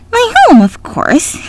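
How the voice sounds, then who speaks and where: A man's voice: extremely high pitch, heavily acted. A man voicing a giggly, unhinged pony in a sing-song, gleefully mocking manner. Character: giggly, unhinged pony who hides from a chaos god.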